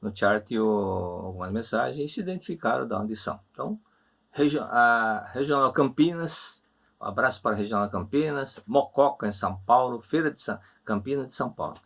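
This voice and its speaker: Brazilian male lecturer, online class, warm repetitive counsel, raspy voice. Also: medium pitch, lively intonation, brisk. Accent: Brazilian Portuguese. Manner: gentle, repetitive, reassuring counsel. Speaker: religious lecturer. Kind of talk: online religious class answering questions.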